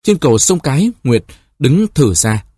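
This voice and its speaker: A man narrating a short story for an audiobook in a measured, literary way. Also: mid-range voice, sing-song, mellow, husky, dry recording, clean studio sound.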